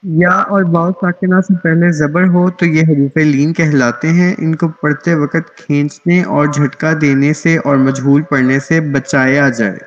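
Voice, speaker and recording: A man's voice: a little high, steady tone, few pauses, highs cut off. A man teaching an online class on Quran recitation rules, explaining patiently and checking in with his students often.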